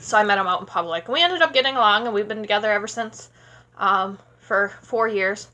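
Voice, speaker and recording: Her voice is medium-pitched, pushed and bright, and a little fast: a sleepy Wisconsin woman in her thirties rambling casually through a vlog Q&A, chatty with many fillers. She talks into a tablet camera at close range from a small room indoors at home.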